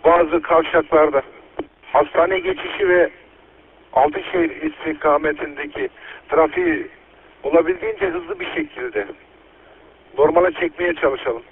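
A man speaking as a police chief over police radio, giving a formal, measured announcement. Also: sits high, huge pitch swings. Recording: crackly narrowband police radio, clear noise.

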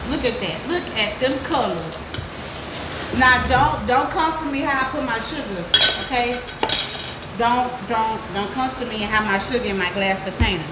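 A woman's voice: on the high side, normal speed. Chatty woman vlogging in an echoey kitchen. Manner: chatty, talks straight to viewers. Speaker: vlogger cooking at home. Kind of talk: casual cooking vlog. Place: home kitchen. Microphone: phone held at arm's length. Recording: echoey kitchen, background noise.

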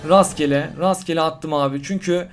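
A young man giving casual gameplay commentary to his viewers, excitable and quick to get frustrated. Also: on the high side, slight background noise. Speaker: gaming YouTuber. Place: hot room at home.

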